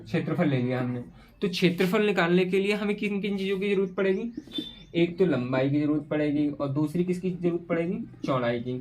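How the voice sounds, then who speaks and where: A man's voice: a little high, a little mellow. Man teaching physics with rhetorical questions. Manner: asks rhetorical questions and answers them; repeats key terms slowly. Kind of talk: classroom physics lesson. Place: room with a whiteboard.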